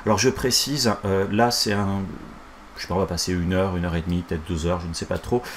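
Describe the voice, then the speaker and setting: A middle-aged man with a fairly low voice talks through a live tutorial from a small office. He lisps, his s sounds coming out slushy, and explains things informally with some hesitation. A fan whirs audibly behind him. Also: fairly even intonation, a little fast. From France. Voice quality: lisp, slushy s from a broken tooth. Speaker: software instructor and streamer. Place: small home office, indoors. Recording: clear fan noise behind voice. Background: whirring fan.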